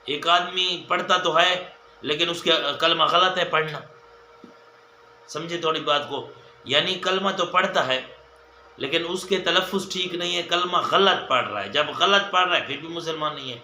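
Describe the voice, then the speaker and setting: A man's voice: a little high, sharp tone, a little hiss or hum. A man giving a religious lesson as a mufti, counting off his points one by one and repeating them, often turning to the viewers as dear friends. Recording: echoey room with faint ambience.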